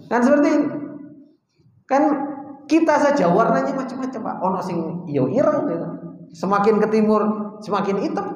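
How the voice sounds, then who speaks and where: A man with a Javanese accent teaching a Quran commentary lesson, often asking rhetorical questions with a sharp upward jump and calling the listeners "Pak". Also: high voice, muffled recording. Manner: addresses listeners as "Pak", mixes in Arabic recitation. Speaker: Islamic teacher. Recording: very echoey hall with long reverb.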